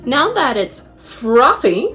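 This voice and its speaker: A woman's voice: high voice, very animated, slow pace, music in the background. A woman hosting a comedic baking vlog with a playful, theatrical, sing-song exaggerated way of talking. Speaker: host of a baking show.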